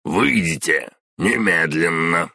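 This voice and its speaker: A man's voice: low voice, animated, slow pace, creaky, no room sound, studio quality, exaggerated voice. A man voicing an irate barking office boss. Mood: cold, curt. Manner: barking, shouting, then pleading in terror. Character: irate middle-aged male department boss.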